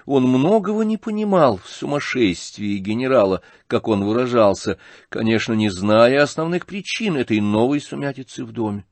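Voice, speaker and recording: A man reading a classic novel aloud as an audiobook narrator, with expressive storytelling. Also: mid-range voice, moderate pace, few pauses, no echo. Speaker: audiobook reader.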